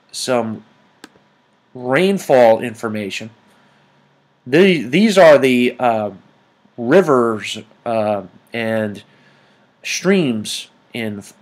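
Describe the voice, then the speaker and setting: A man presents an informal weather report over maps, speaking haltingly with frequent ums as he goes. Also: mid-range voice. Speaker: amateur weather report host.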